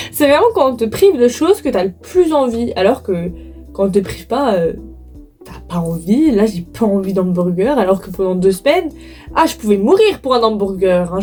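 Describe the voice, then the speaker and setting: Expressive young woman vlogger over music. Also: medium pitch. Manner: expressive, dramatic, repeats phrases for emphasis. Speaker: vlogger telling a personal story. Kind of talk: casual slangy storytime chat to viewers.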